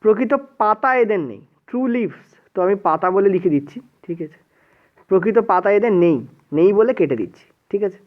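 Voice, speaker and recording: A Bengali-accented man leads an exam-prep science class, saying "ঠিক আছে" after almost every phrase to check understanding and mixing in English terms. His voice is high for a man, with lively intonation and a brisk pace. The audio is narrow and tinny, like a phone line.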